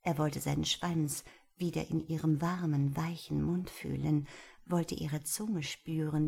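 A woman narrating an erotic audiobook in a breathy, half-whispered reading. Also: low voice, mellow.

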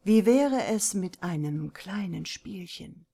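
A woman reading an audiobook, voicing a calm, self-assured young man who teases and coaxes. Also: lowish voice, slow pace, vocal fry, exaggerated voice. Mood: calm teasing. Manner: calm, teasing, coaxing.

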